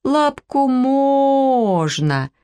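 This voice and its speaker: A woman voicing a calm male veterinarian who speaks slowly and drags out his words in a deadpan way. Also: lowish voice. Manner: slow, drawn-out, deadpan. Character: calm, dry, unhurried older male vet.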